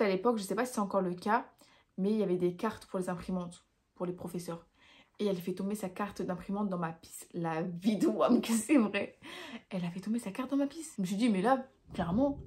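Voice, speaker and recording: Chatty young woman telling stories. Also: medium pitch. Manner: chatty, expressive, slangy, self-mocking. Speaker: vlogger telling personal stories. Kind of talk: casual storytelling to camera.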